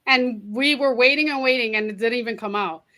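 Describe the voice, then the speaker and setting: A woman from New York co-hosting a podcast in casual chat, animated, blunt and playful. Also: on the high side, fairly quick. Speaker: podcast co-host.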